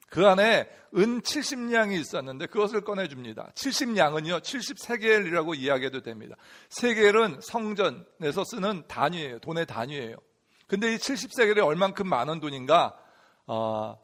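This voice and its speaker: A man's voice: fairly high pitch, a bit bright. A man pastor preaching a sermon in a church, telling humorous stories and addressing the congregation directly. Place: church sanctuary.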